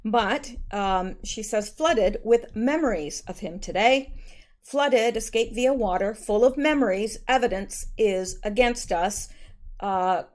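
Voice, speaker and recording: A woman with a mid-range, darkish voice speaks slowly as she hosts her own channel. She casually reads out posts and comments on them in a loose, conversational way, with frequent ums and self-corrections.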